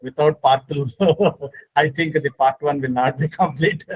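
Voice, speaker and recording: Male instructor, Indian accent, slightly high voice, insistent and repetitive explanatory delivery for an online class. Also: steady tone, a little slow, poor audio. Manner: emphatic, repetitive, frequently says sir. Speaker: speaker at a faculty training session. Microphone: online call microphone.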